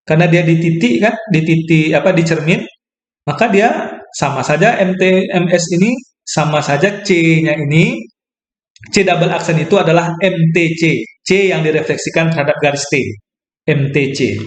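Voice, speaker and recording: Man, math lecturer, geometry proof, self-correcting, slightly high-pitched, echoey room. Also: moderate pace. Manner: thinks aloud, self-corrects, asks "ya kan?".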